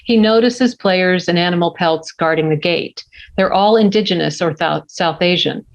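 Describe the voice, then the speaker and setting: At a table read, a woman reads the scene directions as scripted narration. Her voice is lowish, with vocal fry, at a moderate pace. The audio is slightly dull and lo-fi.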